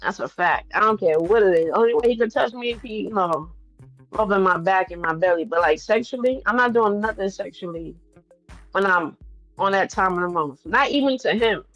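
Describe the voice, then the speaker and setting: A woman's voice: medium pitch, brisk, fairly bright tone, dry recording, low-quality recording. Blunt woman chatting over music. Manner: blunt, profane, repeats phrases for emphasis. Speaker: livestream host. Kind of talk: casual, candid livestream chat to viewers.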